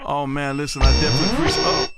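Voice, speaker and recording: Over loud music, an American ham radio host rattles along very fast in a mid-range voice with huge pitch swings. He keeps up a folksy, repetitive patter on his lively live stream, chatting casually with callers.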